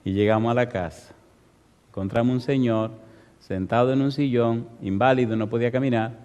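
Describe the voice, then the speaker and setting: Emphatic preacher in a reverberant hall. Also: male voice, medium pitch, moderate pace, dull audio. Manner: emphatic, animated, fond of rhetorical questions. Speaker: pastor. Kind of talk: sermon with storytelling.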